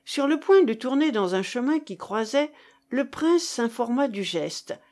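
Slow, measured woman reading a novel. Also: fairly high pitch. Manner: measured, expressive. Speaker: narrator. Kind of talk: audiobook reading of classic fiction.

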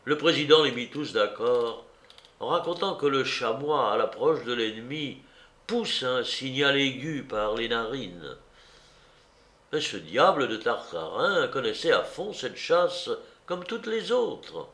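A man narrating a story aloud in a measured, expressive way. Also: mid-range voice. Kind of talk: audiobook narration. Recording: roomy echo.

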